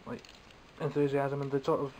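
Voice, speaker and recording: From behind the camera, a young man from Scotland chats about his toy haul as a toy collector vlogger, wry, self-mocking and rambling, a bit phlegmy with occasional coughs. His mid-range voice stays level at normal speed and is a little mellow. A little hiss or hum runs through the camera mic audio.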